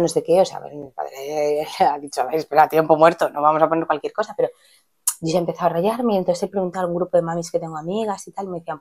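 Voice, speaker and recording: A woman, chatting casually to camera in a rambling way, acting out what others said. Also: deep voice. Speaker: vlogger.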